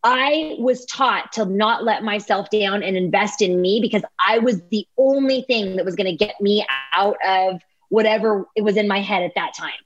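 A woman in her forties, a business owner telling a personal story in casual conversation, animated and repeating phrases for emphasis. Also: mid-range voice, moderate pace, few pauses, lo-fi sound. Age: 40s.

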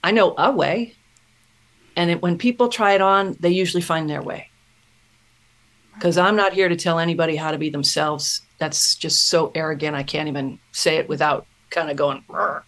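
A middle-aged woman, a podcast guest, telling her story in an earnest, thoughtful way, often pausing and restarting a thought. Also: sits low, fairly even intonation, a bit bright. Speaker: podcast guest, self-mastery mentor. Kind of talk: reflective personal storytelling.

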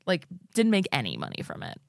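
Woman, podcast co-host, lowish voice, informal storyteller, recorded dry in an attic. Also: wildly swooping pitch, a little fast, creaky, no room sound. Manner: informal, swearing. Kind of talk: casual conversational storytelling.

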